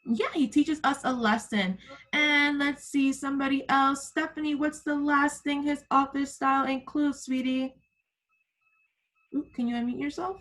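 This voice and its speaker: Young children follow along as their kindergarten teacher leads an interactive lesson over video call, cheering them on with simple prompts and endearments. She speaks a little slowly in a high, steady, fairly bright voice through a computer microphone.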